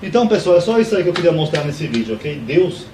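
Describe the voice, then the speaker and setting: A man's voice: fairly high pitch, very animated, racing, dark tone. A man running a theology channel, explaining in a casual, conversational way, asking rhetorical questions and correcting himself mid-sentence. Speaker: theology YouTuber. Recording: echoey room, mic at a distance, faint hiss.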